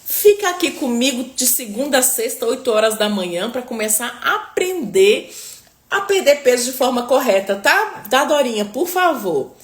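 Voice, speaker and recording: A woman with a slightly high voice talks informally on a live stream as a nutritionist. She keeps checking in with little tags like "tá?" and "né?" and mixes in religious blessings. The sound is roomy, with a noticeable echo. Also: very animated, moderate pace. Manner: chatty, peppers speech with "tá?" and "né?". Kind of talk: live-stream chat answering viewer comments. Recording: roomy, echoey room.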